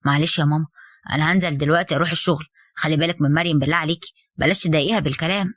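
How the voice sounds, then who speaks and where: A woman's voice: deep voice, steady tone, fairly bright tone, no echo, studio quality, pitched below the performer's own voice. A woman voicing a worried young husband pleading with his mother, in Egyptian Arabic. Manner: hurried, pleading.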